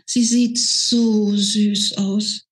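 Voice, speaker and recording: A woman reading a novel aloud and voicing an excitable, flamboyant young man who squeaks and gushes. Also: extremely slow. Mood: excited. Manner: squeaky, gushing.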